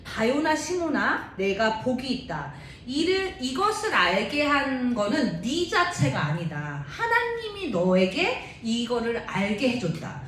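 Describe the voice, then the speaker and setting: A woman voicing Jesus as a calm, kind male teacher who speaks slowly and gently in a story told to a class. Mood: tender. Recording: roomy echo, faint rumble.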